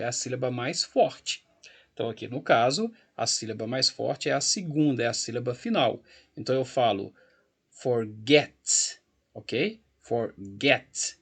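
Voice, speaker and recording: With a Brazilian Portuguese accent, a man teaches English grammar in a recorded screen-walkthrough lesson, his mid-range voice creaky, a bit bright, and slightly breathy. He goes through a website step by step, explaining patiently and often checking in with the class.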